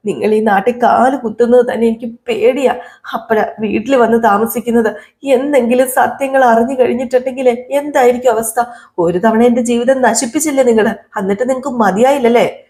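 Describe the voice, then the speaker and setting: A woman's voice: on the high side, brisk, pitched above the performer's own voice, lightly acted. A woman doing an accusing young wife. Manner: accusing, sharp questions.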